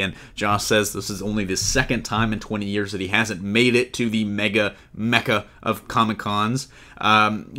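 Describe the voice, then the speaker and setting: Speaking in a lowish voice that sounds pushed and bright, a man hosts a podcast's casual entertainment news talk. He chats conversationally and puts questions to his co-hosts.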